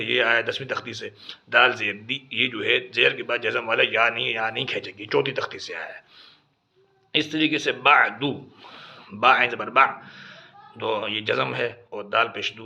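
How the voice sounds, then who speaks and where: Patiently sounding out drill syllables one by one, a man coaches other teachers on teaching children to read the Quran. His mid-range voice is gravelly, pushed, and bright, and the lo-fi recording is dull.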